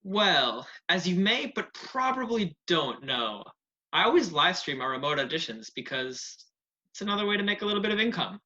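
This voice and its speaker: A man plays a relaxed, scheming casting assistant with a bright voice and an offhand, chatty manner. His voice comes over a dull, lo-fi video call in an amateur comedy sketch. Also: high-pitched, normal speed, exaggerated voice. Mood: breezy. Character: laid-back, scheming male casting assistant.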